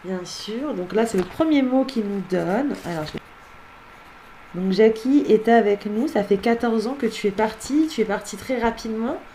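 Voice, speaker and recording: A medium doing spirit-contact sessions chats casually while she replays recordings, musing as she repeats the words she hears aloud and speaks directly to the departed. Her voice is a little high and dark in tone, at normal speed, with slight background noise.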